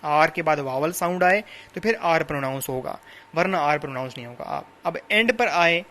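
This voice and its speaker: A man's voice: on the high side, lively intonation, normal speed, bright, forceful tone. A man lecturing on a novel, patiently explaining English words by listing translations and synonyms, repeating and rephrasing each point. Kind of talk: recorded classroom lecture.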